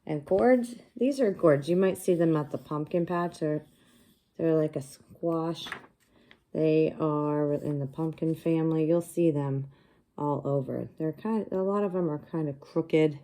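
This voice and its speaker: Reading a children's book slowly, a woman with a low, mellow, soft-edged voice teaches along the way. She explains in simple words and asks her young listeners questions.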